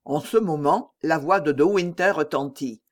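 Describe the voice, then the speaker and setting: A man narrating an audiobook in a steady, dramatic storytelling manner. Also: a little high, normal speed. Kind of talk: scripted narration.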